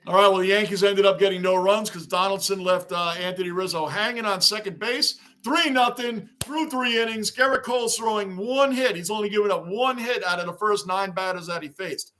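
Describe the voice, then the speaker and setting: A man hosting a casual sports livestream, chatting excitedly and shouting greetings as he reads viewer comments. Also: sits high, brisk, hardly any pauses. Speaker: livestream host. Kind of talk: casual livestream chat reading fan comments.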